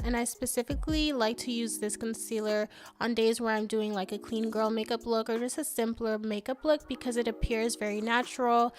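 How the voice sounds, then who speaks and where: A woman's voice: fairly high pitch, a bit bright. A young woman with a stuffy, congested nose narrating a makeup tutorial in a chatty, upbeat way. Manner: chatty, upbeat, many fillers. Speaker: beauty vlogger. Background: faint background music.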